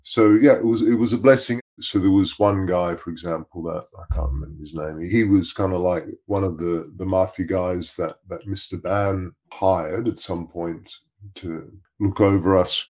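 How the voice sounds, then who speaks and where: A man's voice: fairly even intonation, moderate pace, darkish tone. A man being interviewed about the past, his voice electronically altered to hide who he is, talking in a hesitant way with restarts. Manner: hesitant, repeats words and restarts. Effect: voice electronically altered to disguise identity, deep. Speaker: interviewee, former employee. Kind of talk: casual recollection in an interview.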